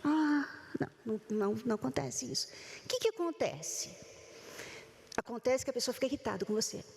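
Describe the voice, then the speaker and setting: High-voiced woman speaking in a hall. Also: brisk, creaky. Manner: animated, acts out quoted people. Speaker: speaker at a couples' talk. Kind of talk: church-style talk on relationships. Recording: long hall reverb.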